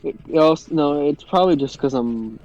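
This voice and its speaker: A young friend with a blocked-up nose rambles in a casual voice chat on his phone, hesitant and full of restarts. His voice is a little high and darkish, his pace fairly quick, and the audio sounds dull.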